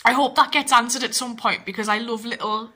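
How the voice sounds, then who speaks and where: A woman's voice: on the high side, steady tone, a little fast, bright, forceful tone. A young woman hosting a reaction video, chatting casually and thinking aloud as she watches. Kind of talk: casual commentary while watching.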